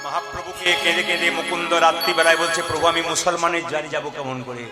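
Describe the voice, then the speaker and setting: A man with a fairly high voice preaches at a live kirtan, mixing lively storytelling with sung verses. Loud harmonium and tabla play behind him. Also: fast, loud music behind the voice. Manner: lively storytelling, urges the audience to repeat lines loudly. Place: live devotional stage before an audience.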